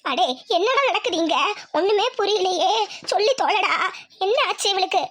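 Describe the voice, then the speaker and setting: A woman's voice: extremely high pitch, normal speed, fairly bright tone. A woman voicing a fussy old village grandmother in a cartoon, scolding in rustic country talk. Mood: bewildered. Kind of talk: cartoon voice acting.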